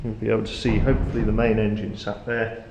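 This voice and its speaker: Inside a ship's engine room, a low-voiced man gives an informal guided tour, explaining things as he moves along at a quick pace. His intonation is very flat. The metal-walled space makes the sound echoey, with faint background noise.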